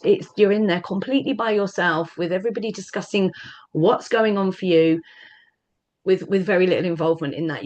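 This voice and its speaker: A woman speaking earnestly as a parent about her own experience of family court, with emphatic repetition and a plain conversational manner. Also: lowish voice. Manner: earnest, emphatic, repeats phrases. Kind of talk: personal testimony at a panel.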